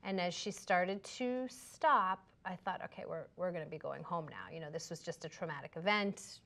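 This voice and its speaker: A woman who works as a craniosacral therapist, telling a story in a calm, reflective way during a casual conversation. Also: lowish voice, normal speed, gravelly.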